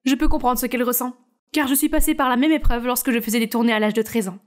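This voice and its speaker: A woman's voice: a little high, steady tone, fast talker. A woman narrating a short story in a conversational way with personal asides.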